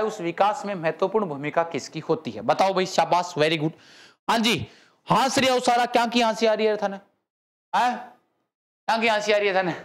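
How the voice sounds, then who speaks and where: High-voiced teacher. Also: male voice, fairly bright tone. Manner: praising students by name, joking in dialect. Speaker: exam-prep teacher. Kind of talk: live online quiz class.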